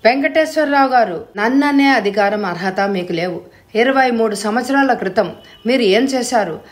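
A cold, vengeful young man in an audiobook, accusing in a raised, cutting voice, as a woman narrator reads him. Her low voice rises in pitch and volume for him. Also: moderate pace, lightly acted.

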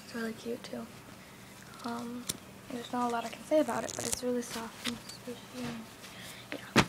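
A woman records an eager, rambling video message for a friend, full of fillers and soft whispered asides. Her voice sits fairly high but stays level in pitch. Clear background noise from music and family talk runs under the home camera recording. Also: normal speed. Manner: chatty and excited, many fillers, drops to a whisper at times. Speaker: vlogger. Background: background music and family talking.

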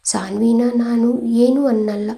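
A woman gives voice to a tearful middle-aged mother in a storybook tale, soft and shaken. Her tone is gravelly and mellow, with little rise and fall. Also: a little high, fairly even intonation, takes it slowly. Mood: relieved.

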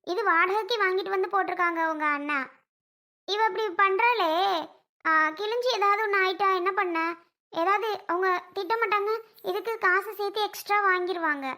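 A quarrelsome young mother, as a woman acts her out who takes offense on her daughter's behalf. She argues indignantly in a very high, bright, forceful voice in this family comedy. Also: normal speed.

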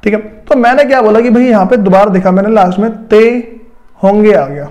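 This English grammar teacher speaks briskly in a high, somewhat mellow voice. As he writes on the board, he breaks things down step by step, repeats himself often, and throws rhetorical questions at his students.

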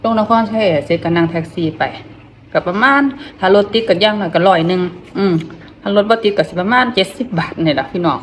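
A woman's voice: fairly low pitch, a little hiss or hum. Isan woman chatting with her mouth full. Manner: talks with mouth full while eating; halting, repeats phrases, murmured "mm" between phrases. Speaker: vlogger. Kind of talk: casual chat while eating on camera.

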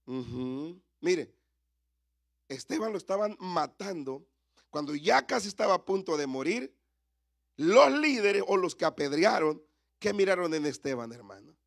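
A man in his thirties, a pastor preaching a sermon at a church service and calling out to the congregation with repeated rhetorical questions. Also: a little high.

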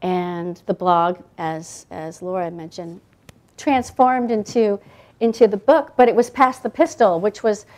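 At a library event, indoors in the event room, a woman in her thirties appears as a guest author and talks casually. She rambles with many fillers and restarts in a mid-range, slightly mellow voice at a measured pace.

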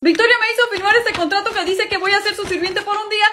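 A woman's voice: very high-pitched, fairly even intonation, fast, crowd noise. A woman playing an earnest, indignant teenage boy who pleads and protests in a comedy skit. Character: indignant, earnest teenage boy, put-upon younger brother.

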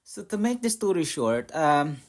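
A man from the Philippines tells a story to camera in a relaxed vlog style. He slips into the voices of everyone involved as he acts out the exchange, keeping the retelling animated throughout. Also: on the high side, unhurried. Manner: animated retelling, acting out both sides of the argument. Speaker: vlogger.

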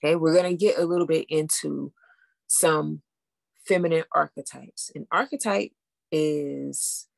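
Low, gravelly-voiced woman coach. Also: a little slow, no room sound. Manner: casual, upbeat, addresses listeners directly with frequent "okay?". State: out of breath after running upstairs. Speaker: coach hosting a masterclass. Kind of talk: live online masterclass teaching.

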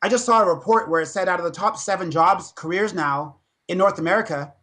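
A man's voice: high-pitched, brisk. A man in his fifties, a dentist and fitness speaker, telling stories with energy in a podcast interview. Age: 50s. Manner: animated storytelling, energetic.

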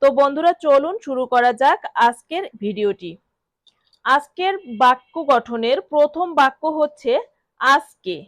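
A woman with a Bengali accent, teaching a vocabulary lesson and repeating each word slowly for learners to copy. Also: high voice, expressive, a bit bright, no echo. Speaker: language teacher. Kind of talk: instructional lesson.

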